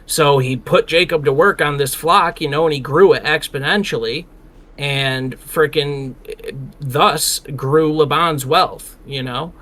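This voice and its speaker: Bright-voiced man retelling Bible stories. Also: on the high side, measured pace. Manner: animated, slangy, retells scenes in acted quotes. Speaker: podcast co-host. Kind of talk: casual Bible discussion.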